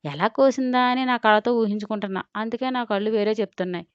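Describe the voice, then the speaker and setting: Feisty sharp-tongued young bride, as a woman reads her. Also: medium pitch, fast, clear, resonant tone, dry recording, highs cut off, close to an everyday voice. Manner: sharp, cheeky, sulky.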